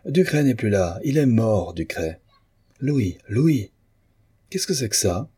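A man's voice: sits low, moderate pace, warm tone, breathy edge, dry recording, clean studio sound. A man voicing a bitter, mocking male painter in an audiobook of a novel. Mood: scornful. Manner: sneering, sarcastic.

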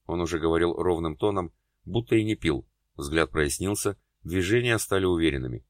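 A man narrating an audiobook in a steady, even reading. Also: low voice, a little fast, dry recording, clean studio sound. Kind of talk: scripted narration.

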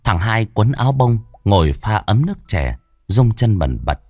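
A man narrating a ghost story in a grave, expressive way. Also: on the low side, normal speed, dry recording.

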